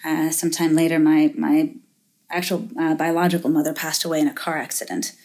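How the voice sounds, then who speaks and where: Her voice is low and darkish with a level tone, and she speaks briskly. A middle-aged venture capitalist from Finland, she answers interview questions thoughtfully, often using fillers and starting over.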